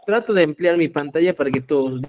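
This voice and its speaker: A man from Cusco with a Peruvian Spanish accent, teaching a live online language class. He explains step by step, demonstrates sounds slowly and keeps checking in with his listeners. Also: a little high, animated, a little mellow, dull audio. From Cusco, Peru. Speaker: Quechua teacher.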